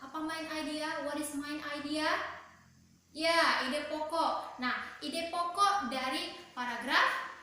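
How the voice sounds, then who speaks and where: A woman's voice: high voice, slow pace, sharp tone. A woman with an Indonesian accent teaching English in a classroom, switching between Indonesian and English and asking questions and praising students. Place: empty classroom. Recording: very echoey room, faint noise.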